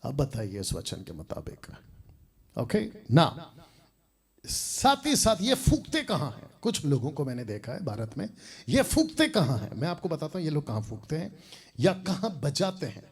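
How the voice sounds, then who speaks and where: Male pastor, husky voice pitched a touch high, combative and scornful preaching. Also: huge pitch swings, normal speed. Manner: scornful, mocking, laughs between points. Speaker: pastor and Bible teacher.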